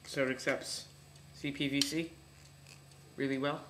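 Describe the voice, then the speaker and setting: A teenage young man talks offhand to a webcam at home, his articulation slightly affected by braces. His pitch is ordinary for a male voice. The room echoes around him and clear noise sits in the recording. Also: flat delivery, measured pace. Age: teens. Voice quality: slightly odd articulation from braces and palate expander. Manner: offhand, slangy. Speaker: hobbyist video host. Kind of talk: casual unscripted vlog demonstration. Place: large room at home, indoors. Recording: echoey room, noisy webcam-style audio.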